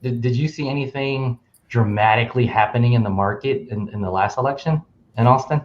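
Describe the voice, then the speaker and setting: A man co-hosting a relaxed real estate chat, speaking at an ordinary male pitch and laughing easily. His speech is loose and full of "like", and the recording sounds slightly dull and muffled. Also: brisk, slight background noise. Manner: laughs often, uses filler "like". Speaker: podcast co-host. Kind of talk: casual panel talk.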